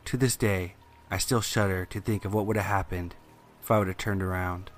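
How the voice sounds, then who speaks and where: A man reading scripted first-person horror stories in a measured, suspenseful way. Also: deep voice, steady tone, a little hiss or hum. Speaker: horror story narrator. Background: music under the voice.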